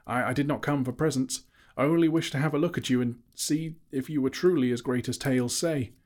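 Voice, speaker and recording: A man's voice: mid-range voice, brisk, voice pushed up, close to an everyday voice. Bilbo, a man doing a jittery hobbit. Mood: nervous. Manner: stammering, eager, flattering. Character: nervous flattering small male hobbit.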